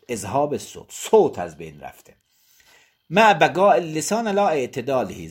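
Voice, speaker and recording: A man teaching as a seminary lecturer. He reads Arabic passages aloud, then explains them in plain terms, repeating and rephrasing his points with frequent pauses. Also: a little high, husky. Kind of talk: teaching a text on Islamic law.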